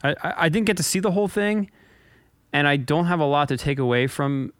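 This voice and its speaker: Male podcast host, smooth resonant voice, dry close sound, rambling anecdotes. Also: fairly high pitch, lively intonation, fairly quick, a bit bright, no echo. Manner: storytelling, rambling with restarts and stutters. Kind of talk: casual chat.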